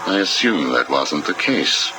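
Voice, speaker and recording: An actor playing a cold, probing psychiatrist, heard played back from an old interview tape. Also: male voice, a bass voice, very animated, a little slow, music in the background, exaggerated voice, low-quality recording. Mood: clinical. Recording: hissy cassette tape recording.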